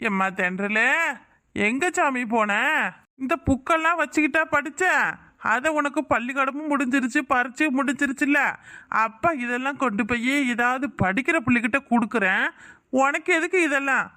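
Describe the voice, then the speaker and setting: A man's voice: extremely high pitch, moderate pace, sharp tone. A man voicing a drunk, scheming village father in a cartoon, with a southern Tamil Nadu accent, talking in a slurred, wheedling drawl. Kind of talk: cartoon voice acting.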